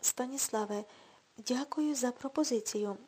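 A woman's voice: fairly high pitch, a little slow, darkish tone, husky. A woman reading the lines of a firm, pregnant woman who speaks in a cool, dismissive, mocking way.

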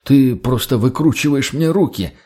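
A man's voice: mellow, husky, lightly acted. A man putting on a fawning fat slave trader. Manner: wheedling, placating, higher and slower.

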